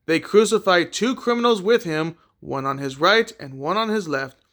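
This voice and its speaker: A man reading a Bible chapter aloud in a plain, unhurried way, with a few small slips and repeated words. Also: sits high, expressive, a bit bright. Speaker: scripture reader.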